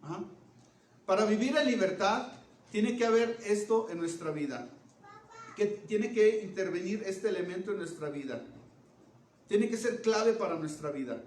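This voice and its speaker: A male preacher with a high voice delivers a sermon, often asking the congregation questions and checking they follow along. He swings between loud, emphatic phrases and hushed, low ones. He is picked up from a distance in an echoey church room with faint noise behind him. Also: expressive, normal speed, long pauses. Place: church hall.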